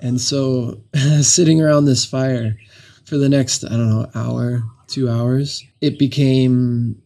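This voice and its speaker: A man recounts a journey in a slow, unhurried way, pausing to reflect and letting small laughs slip through. His voice has a gravelly texture and a dark, mellow tone. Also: medium pitch, fairly even intonation. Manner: thoughtful, unhurried, frequent "you know", soft laughs. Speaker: guest telling a travel story. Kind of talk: casual reflective storytelling.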